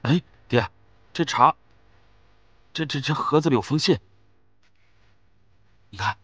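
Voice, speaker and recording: A man's voice: a little high, slow, fairly bright tone, husky, no room sound, full character voice. An actor playing a young son who fusses over and soothes his angry father. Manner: fussing, placating. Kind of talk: costume comedy drama acting.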